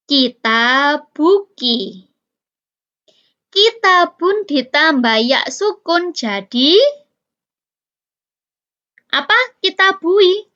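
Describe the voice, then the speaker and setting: A woman's voice: sits high, bright, forceful tone, muffled recording. A woman teaching a casual lesson, explaining patiently and stretching out example words, with rising quiz-like questions; her first language is Indonesian.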